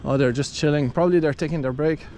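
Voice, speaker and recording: A Belgian man in his thirties, a travel vlogger, chats casually and laughs often while walking around an outdoor stadium and its corridors. His voice is a little high and warm, and he talks fast. He holds an action camera at arm's length, and there's slight background noise.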